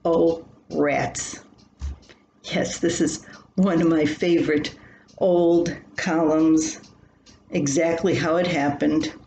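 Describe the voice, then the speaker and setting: She's an older woman taking her time over her own humorous column, her voice low and warm with fairly even intonation, yet her telling stays wry and dramatic. Echo fills the room, and background noise comes through clearly.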